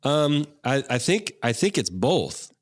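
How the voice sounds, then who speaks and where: A man's voice: medium pitch, big pitch swings, takes it slowly. A man co-hosting a casual podcast, chatty and enthusiastic. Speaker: podcast co-host.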